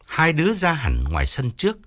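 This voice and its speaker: A male narrator telling a dramatic audiobook story in an expressive, swooping delivery. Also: fairly high pitch, a little fast. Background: faint background music.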